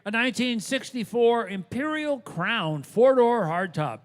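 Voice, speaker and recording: A man's voice: very high voice, lively intonation, measured pace, in a large hall. A man working as an auction announcer, describing lots and giving live commentary.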